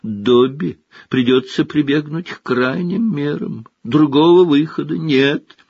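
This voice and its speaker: A man voicing a small anxious male house-elf servant, high and pleading, who humbly calls everyone sir and speaks of himself by his own name. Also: measured pace, vocal fry, darkish tone, slightly rough, dry recording, heavily acted. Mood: grim. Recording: slightly dull, dry recording.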